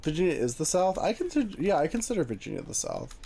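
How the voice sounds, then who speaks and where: An American man chatting casually as a livestream host while gaming, with an animated, conversational manner. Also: fairly high pitch, quick pace, vocal fry. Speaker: live streamer host.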